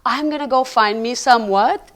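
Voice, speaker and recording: A woman's voice: a little high, normal speed, fairly bright tone, lightly acted. A woman voicing a hungry male coyote in a children's flannel-board story, with a drawling storybook voice. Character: hungry male coyote, casual and plain-spoken.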